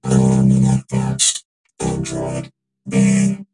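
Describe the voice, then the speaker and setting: A synthesized robot voice speaking as a cold, mechanical android, with a clipped, monotone machine delivery. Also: rumbling low, slow, faint music behind. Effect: robot voice filter.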